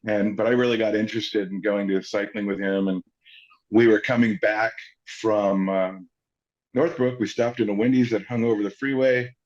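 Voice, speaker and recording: Here the forties-aged actor guest speaks at normal speed in a lowish voice, casually spinning anecdotes. He brings them to life by performing the people he quotes, and the audio is slightly dull and lo-fi.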